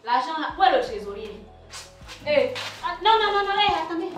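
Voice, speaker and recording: A woman's voice: a little high, lively intonation, normal speed, soft background music, close to an everyday voice. A woman in a comedy sketch, scolding and protesting the others.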